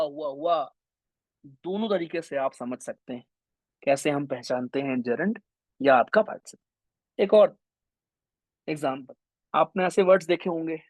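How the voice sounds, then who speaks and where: Brief: young male grammar tutor, high voice, lively classroom energy, dry close mic. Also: dry recording. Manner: energetic, mixes Hindi with English terms, addresses students as brothers. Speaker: English grammar teacher. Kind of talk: online exam-prep class lecture.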